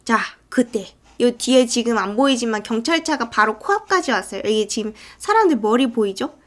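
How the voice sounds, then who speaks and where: A woman's voice: fairly high pitch, expressive, moderate pace, a bit bright. A woman casually retelling a film's story scene by scene, in a chatty way that often breaks into acted character lines. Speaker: film recap narrator. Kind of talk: casual movie recap narration.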